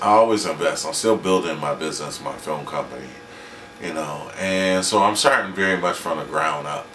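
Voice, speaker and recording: A man in his late forties talking through a personal video diary from his kitchen, halting and reflective with many restarts. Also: sits low, fairly bright tone, reverberant, distant mic, slight background noise. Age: 40s. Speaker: independent filmmaker and vlogger.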